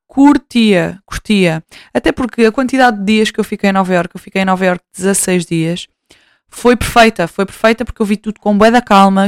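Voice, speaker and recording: A young woman from Portugal with a European Portuguese accent, chatting alone on her podcast in an animated, self-mocking way. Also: medium pitch, clear, resonant tone, no echo, clean studio sound. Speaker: podcast host. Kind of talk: casual solo chat.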